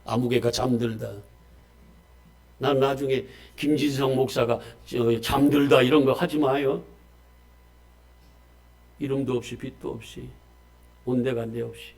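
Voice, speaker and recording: A male pastor preaching a Sunday sermon, swinging between loud emphasis and quiet asides and calling on the congregation for amens. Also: mid-range voice, steady tone, a little slow, vocal fry, pauses often. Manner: asks the congregation questions and calls for amens.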